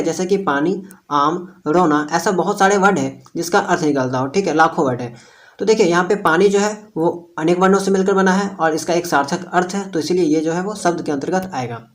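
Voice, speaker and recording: A man with a Jharkhand Hindi accent teaching Hindi grammar for an entrance exam. He explains steadily and keeps checking in with the students. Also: high-pitched. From India. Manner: repeats "thik hai" and "jo hai" while explaining, checks with listeners often.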